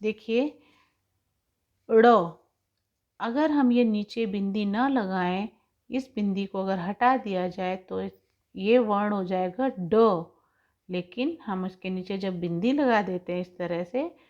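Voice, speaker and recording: A woman teaching young children in an online class lesson, explaining each point slowly and patiently. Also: mid-range voice, highs cut off. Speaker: school teacher.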